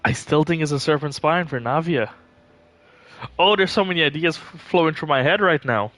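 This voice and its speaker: This game livestreamer's voice is fairly high and a bit bright, at normal speed, with music in the background. He offers casual live gaming commentary, chatting and thinking out loud as he plays.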